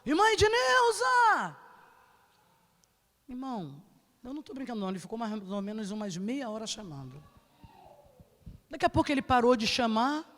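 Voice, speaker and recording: Brazilian woman telling a lively church testimony. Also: fairly high pitch, fairly quick, pauses often. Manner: animated, acts out the scene with laughs. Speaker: church speaker. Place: church sanctuary. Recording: church hall reverb.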